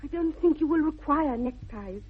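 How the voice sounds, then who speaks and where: Playing a young upper-class English girl who is both sly and artless, the actress teases primly in a high, animated voice at normal speed. It's a precise, demure radio comedy from the 1960s, preserved as a muffled, band-limited broadcast.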